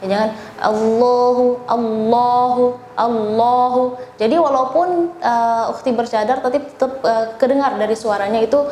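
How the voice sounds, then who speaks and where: A woman's voice: fairly high pitch, darkish tone. Over-enunciating Indonesian woman teacher, echoey room. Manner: over-enunciates example sounds and words, slowly drawn out. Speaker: Quran recitation teacher. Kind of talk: spoken lesson with feedback and demonstrations. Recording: echoey room, faint background noise.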